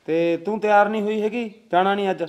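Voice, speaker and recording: A man playing a younger husband in a village family who talks loudly and insistently, with a Punjabi village accent. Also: high voice, steady tone, fast, natural voice. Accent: Punjabi village speech. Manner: loud, insistent, arguing.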